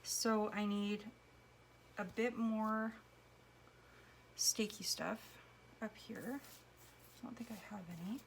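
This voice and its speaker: A woman giving casual commentary while making a collage, a little hoarse as she loses her voice, dropping to a whisper as she works. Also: mid-range voice, fairly even intonation, takes it slowly, pauses often, a little hiss or hum. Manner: chatty, drops to a whisper while working. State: losing her voice. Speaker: collage artist.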